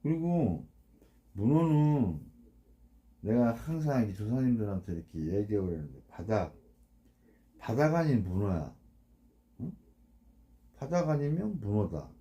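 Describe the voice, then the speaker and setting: A man's voice: lowish voice, very animated, measured pace, pauses often, dark tone, lo-fi sound. A man, a fishing boat captain, giving casual blunt advice to anglers. He keeps asking for agreement and imitates the sounds of the gear. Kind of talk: casual instructional talk.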